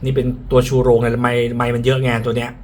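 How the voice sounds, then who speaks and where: A man's voice: medium pitch, completely flat delivery, quick pace, darkish tone. Man reviewing gadgets through a face mask. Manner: frank, repeats points, casual fillers. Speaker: tech reviewer. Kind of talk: casual spoken product review. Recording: clear background ambient noise.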